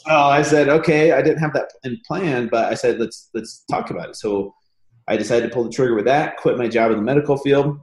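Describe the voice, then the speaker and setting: A man's voice: medium pitch, a little fast, echoey room. A man speaking as a podcast guest, telling his story casually with lots of fillers. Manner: relaxed storytelling with many fillers. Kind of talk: casual conversational interview.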